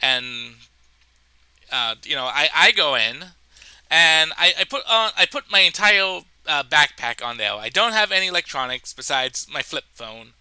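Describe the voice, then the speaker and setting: A man with a stuffed-up nose telling a comedic personal story in a rambling, animated way, full of fillers and restarts. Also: on the high side, unhurried, clear, resonant tone, no echo, low-quality recording.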